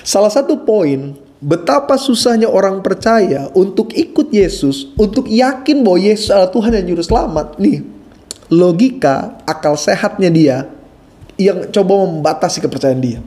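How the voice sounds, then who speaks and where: A man preaching a sermon to his congregation, his voice mellow and relaxed. His pitch swings widely as he jokes and laughs. He addresses his listeners directly and playfully. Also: normal speed. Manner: animated, playful, acts out quoted voices and laughs often. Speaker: pastor.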